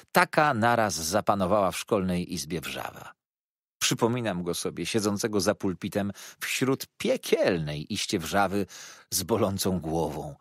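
A man reading a classic novel aloud as an audiobook narrator, with expressive, dramatic storytelling. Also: low voice, slightly rough, no echo, clean studio sound.

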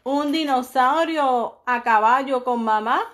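Slow, animated woman reading to kids. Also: sits high. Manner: animated, exclamations and questions to young listeners; slow and soft at bedtime. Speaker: preschool teacher reading to children. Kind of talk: storybook read-aloud for children.

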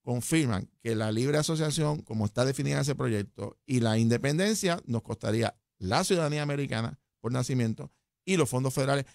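A man's voice: medium pitch, brisk, vocal fry, darkish tone, no echo, clean studio sound. An older man giving emphatic political analysis on a radio show. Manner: emphatic, argumentative, rising when stressing points. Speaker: political commentator. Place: radio studio. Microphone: studio mic.

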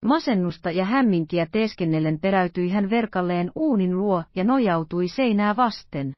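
Woman audiobook narrator, calm and even; dry, slightly dull recording. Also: medium pitch, no echo. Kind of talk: scripted narration.

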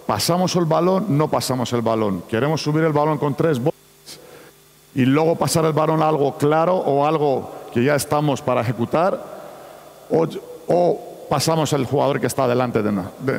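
A man running a basketball coaching clinic, talking in halting phrases with frequent restarts. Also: mid-range voice, gravelly. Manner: broken, halting delivery with many restarts. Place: large indoor sports arena. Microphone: far camera. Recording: echoey sports hall, from far off.

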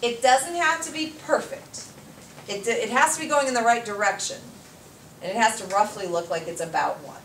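At a moderate pace, a woman with a somewhat bright, high-leaning voice lectures on math at the whiteboard. She breaks things down step by step and tests her students along the way. A far-off camera captures it in an echoey room with faint noise.

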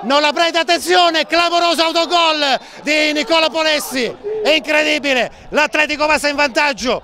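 A man commentates football in a very high, strained register. His goal calls are breathless, excited and shouted. A clear crowd sounds behind him outdoors. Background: outdoor stadium crowd.

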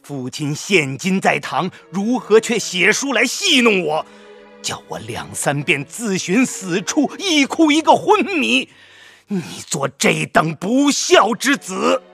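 An actor playing an earnest younger man, a dutiful son, husky and quick to grief and anger. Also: fairly high pitch, animated, soft background music, full character voice. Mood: emotional. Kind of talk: audio drama acting.

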